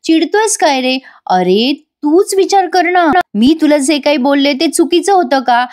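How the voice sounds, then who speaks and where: A woman's voice: high voice, expressive, a little slow, a little mellow, pitched above the performer's own voice. A woman voicing a spoiled, scheming young wife who wheedles and pleads to get her way. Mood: wheedling.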